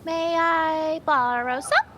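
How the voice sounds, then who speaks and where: A woman's voice: high-pitched, slow pace, noisy background. A woman playing in a tabletop game, eager, curious and playful. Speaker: player. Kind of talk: tabletop role-play.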